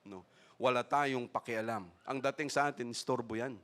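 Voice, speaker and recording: A man's voice: medium pitch, normal speed, a bit bright. A man pastor with a Filipino accent, preaching a sermon in mixed languages, checking in with "no?" and acting out the people in the story. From Philippines. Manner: Taglish preaching, frequent "no?" tags, acts out voices.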